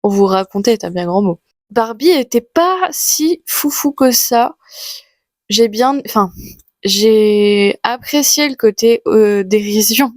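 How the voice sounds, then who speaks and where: A woman's voice: a little high, animated, takes it slowly, dry recording. A woman in her twenties from France with an Auvergne accent, chatting casually in a vlog with many fillers and restarts. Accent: Auvergne French. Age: 20s. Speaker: vlogger.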